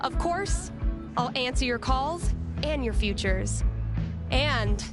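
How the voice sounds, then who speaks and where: A woman's voice: high-pitched, animated, takes it slowly. An actress voicing a young woman who hosts a late-night radio show, talking in an easygoing on-air host manner with dry jokes for a video game. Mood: playful. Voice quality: laid-back, dry and joking. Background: music playing.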